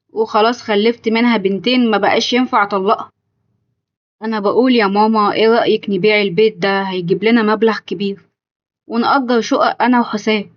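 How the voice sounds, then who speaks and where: A woman's voice: medium pitch, muffled recording, close to an everyday voice. A woman voicing a stressed, complaining grown son with an Egyptian accent, in a told story. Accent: Egyptian Arabic. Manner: complaining, agitated.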